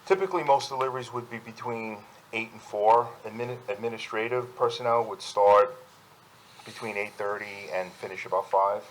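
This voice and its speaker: A man's voice: on the low side, normal speed, slight background noise, rough recording. A man giving formal testimony as a business owner, in plain, factual answers. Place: public board meeting room.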